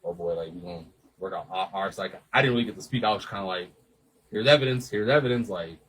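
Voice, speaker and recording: Fast-talking low-voiced man telling a story. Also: slight background noise, rough recording. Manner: rambling, animated retelling with lots of swearing and quoted dialogue. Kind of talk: casual storytelling chat.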